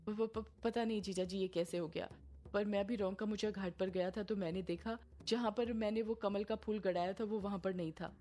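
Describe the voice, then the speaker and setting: A woman's voice: medium pitch, steady tone, brisk, few pauses, mellow, close to an everyday voice. A woman voicing a frightened young village man who stammers as he answers. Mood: scared. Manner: stammering, fearful.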